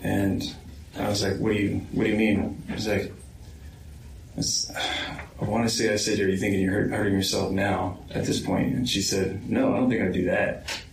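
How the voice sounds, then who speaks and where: Low, flat-voiced man recalling hesitantly. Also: noisy background. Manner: hesitant, slow, many ums. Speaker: interviewee, victim's son. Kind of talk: recorded interview, recounting. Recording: roomy far-off interview mic.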